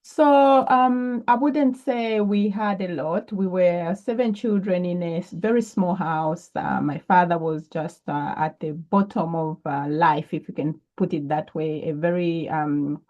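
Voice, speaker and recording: A woman from Zambia speaks in a low, mellow voice, pausing and restarting as she gives thoughtful interview answers. The recording is somewhat dull and muffled. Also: fairly even intonation. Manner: thoughtful, with frequent ums and restarts. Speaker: guest entrepreneur.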